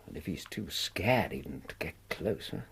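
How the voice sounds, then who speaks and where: A man acting in a radio drama as a loyal, sensible gentleman doctor with a British accent, earnest, plain-spoken and easily affronted. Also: very deep voice, expressive, moderate pace, gravelly, breathy edge, heavily acted. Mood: puzzled, sceptical.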